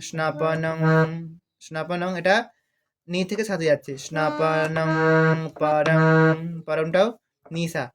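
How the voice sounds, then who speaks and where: A man with a Bengali accent teaching a devotional song on harmonium, naming the sargam notes and singing each phrase slowly to show it. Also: a little high, little pitch movement, over music. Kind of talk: music lesson, speaking and singing along. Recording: harmonium playing loudly behind the voice.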